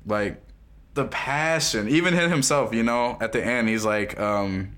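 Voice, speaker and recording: A man in casual conversation reviewing an album, animated and enthusiastic, often swearing and exclaiming as he breaks down lyrics. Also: mid-range voice, a little slow. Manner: animated, swears, gushes over verses. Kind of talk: casual music review chat.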